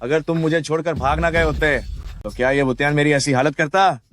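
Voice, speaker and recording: A man's voice: a little high, fairly even intonation, fairly quick, a bit bright, a little hiss or hum, close to an everyday voice. A man acting as a vengeful, vindictive master with a slightly raised voice that drips with contempt. He spits spite in a dubbed drama. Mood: bitter. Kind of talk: Hindi dub of a drama series.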